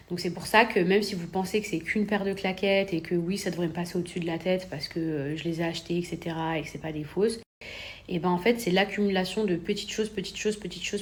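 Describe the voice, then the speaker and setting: Indignant young woman venting to her followers. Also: on the low side. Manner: indignant, emphatic, repeating words for stress; rising to heated outbursts. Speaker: influencer addressing her followers. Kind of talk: casual monologue to camera.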